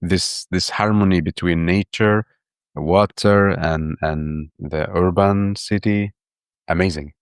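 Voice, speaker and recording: Here the man's voice is low-pitched and smooth, with fairly even intonation and a slow pace, recorded cleanly in a studio with no room sound. He is a thirtysomething urban planner from Iraq, guesting on a podcast for a casual interview and speaking eagerly, with frequent restarts and repeated words.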